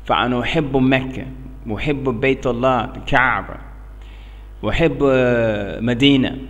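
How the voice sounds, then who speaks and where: A man's voice: medium pitch, a bit bright. American man, broken English-accented Arabic, echoey room. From United States. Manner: halting broken Arabic with English accent, repeats check-in questions; earnest, emphatic. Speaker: religious speaker. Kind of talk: informal religious talk to camera. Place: small bare indoor room.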